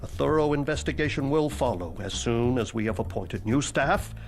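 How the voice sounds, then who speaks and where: Lightly acting at medium pitch and normal speed, a man plays the ghost of a deceased male school headmaster in a music-backed video game cutscene. He stays formal and morbidly deadpan with a wry mood, slipping into a whisper now and then.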